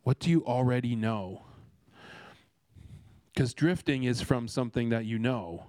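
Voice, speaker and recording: A man's voice: medium pitch, a little slow, a little mellow, no room sound. A man from Canada giving a casual devotional talk, earnest and rambling, with many restarts and fillers. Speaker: speaker sharing a devotional.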